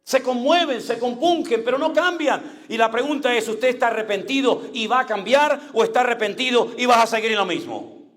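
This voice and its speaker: A man with a high voice and a Canary Islands Spanish accent preaches a sermon. He moves from loud, raised calls to quiet, low-pitched asides. His delivery is dramatic, with sudden changes in loudness. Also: a little fast, echoey room. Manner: dramatic, swings from loud high cries to low hushed tones. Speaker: pastor.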